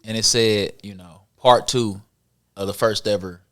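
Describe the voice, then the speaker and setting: A man, a guest musician, chatting casually on a podcast, animated, repeating himself and laughing often. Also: on the low side, unhurried.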